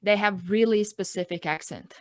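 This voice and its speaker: A Latvian woman in her twenties, speaking English as a second language with a Latvian accent, tells her own story as a guest in a casual interview. She's reflective and earnest, filling pauses with "like" and "um," in a mid-range voice with clean, echo-free studio sound.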